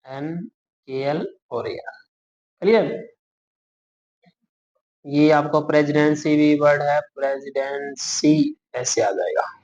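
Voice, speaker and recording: A man teaching shorthand, spelling words out letter by letter, asking if it is clear and correcting himself as he draws. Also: fairly high pitch, a little mellow. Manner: calls students "beta", corrects himself as he draws. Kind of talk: explaining shorthand outlines for dictation words. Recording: muffled lo-fi recording.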